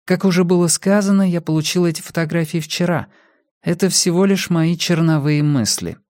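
A man's voice: fairly high pitch, brisk, a little mellow, dry recording, clean studio sound, pitched above the performer's own voice, close to an everyday voice. A male audiobook narrator voicing a composed, thoughtful woman detective in a raised voice.

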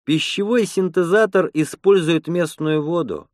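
Male reader as outspoken young woman colonist; raised pitch, teasing, dry close sound. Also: measured pace, dry recording, lightly acted. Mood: wry. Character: blunt, frank young woman space colonist. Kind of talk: audiobook character voice.

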